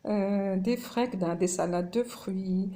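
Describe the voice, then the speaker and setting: A woman's voice: mid-range voice, a little fast, mellow. A woman with an Algerian accent mixing Arabic and French, chatting casually through a home cooking vlog. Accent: Algerian Arabic mixed with French.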